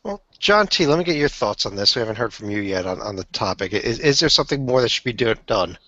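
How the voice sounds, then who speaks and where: A man's voice: mid-range voice, animated, quick pace, pushed and bright, lo-fi sound. A man on a sports roundtable who poses questions to the others, hesitant and full of fillers. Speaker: panelist.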